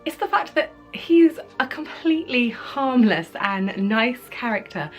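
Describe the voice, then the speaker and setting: A woman's voice: fairly high pitch, sing-song, a little slow, faint music behind. Woman, groggy with a cold. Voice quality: slightly congested, groggy. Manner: chatty, informal. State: groggy from a cold, slightly sore throat. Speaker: video host. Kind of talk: casual top ten list vlog.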